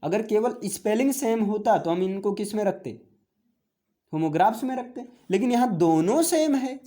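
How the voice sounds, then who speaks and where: A man gives a classroom-style English grammar lesson in Hindi, explaining step by step, mixing in English terms, and asking questions he then answers himself. He reads English lines out slowly. His voice sits high and sounds expressive and mellow.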